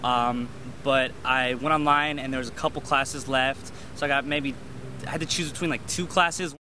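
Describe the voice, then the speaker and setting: A nineteen-year-old man, a university student, giving quick, chatty interview answers. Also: medium pitch, fairly even intonation, bright, forceful tone. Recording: urban outdoor traffic noise.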